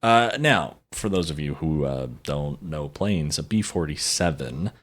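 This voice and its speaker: A man's voice: extremely low pitch, expressive, a little slow. A man co-hosting a podcast, telling a story in a playful, casual way and laughing often. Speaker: podcast co-host. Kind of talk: casual chat.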